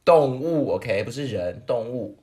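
A podcast co-host, telling and judging jokes in casual chat and bursting into high laughter often. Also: moderate pace. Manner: animated, swings pitch widely.

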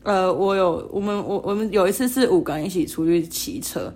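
A young woman with a Taiwanese Mandarin accent, a podcast guest telling a funny story in a lively, laughing way. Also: on the low side, brisk. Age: young adult. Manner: animated, laughing, acts out quoted lines. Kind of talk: casual storytelling chat.

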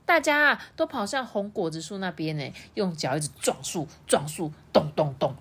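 A woman's voice: sits low, lively intonation, moderate pace, darkish tone, slight background noise. A woman with a Taiwanese Mandarin accent reading a children's storybook aloud expressively, voicing sound effects as she goes.

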